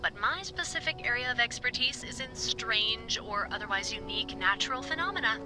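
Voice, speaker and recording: In naturalistic video game dialogue, a woman plays a friendly, upbeat environmental researcher giving a chatty, rambling walkie-talkie briefing. Her lightly acted voice is fairly high and brisk with lively intonation, heard over music.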